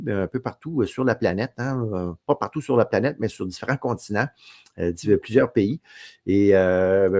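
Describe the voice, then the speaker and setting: Low-voiced man. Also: dry recording, studio quality. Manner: plain-spoken, informal. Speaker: show host. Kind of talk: casual discussion.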